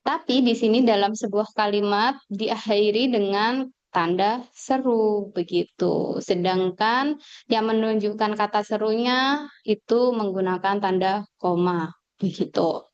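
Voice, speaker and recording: A woman teacher explaining a lesson slowly on a video call, with fillers and pauses. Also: medium pitch, clear, resonant tone, dry recording. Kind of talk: online class lecture. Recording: dull lo-fi video call audio.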